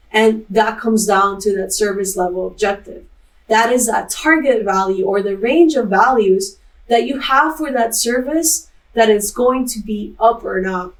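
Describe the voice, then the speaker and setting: A woman's voice: a little high, far from the mic. A young adult woman from Costa Rica giving a recorded tech conference talk in an upbeat, explanatory way. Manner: explanatory, upbeat, steady presenting. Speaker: conference speaker, chaos engineer. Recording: roomy, mic set back from the speaker.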